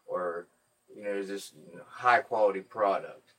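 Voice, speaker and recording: A man hosting a podcast, telling stories in a casual, profane, animated way. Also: lowish voice, moderate pace, distant mic. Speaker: podcast host.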